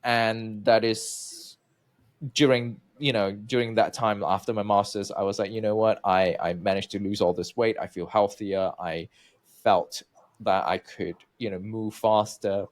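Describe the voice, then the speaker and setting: A man's voice: on the low side, steady tone, measured pace. A man from Malaysia in his thirties, telling his own story as a researcher guest in an interview, chatty with many fillers and restarts.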